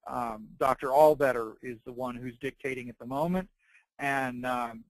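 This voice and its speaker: A man presenting an informal product tutorial, explaining things in a halting, piecemeal way. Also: medium pitch, no room sound, poor audio. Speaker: presenter demonstrating dictation devices and software. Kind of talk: informal product tutorial narrated over slides.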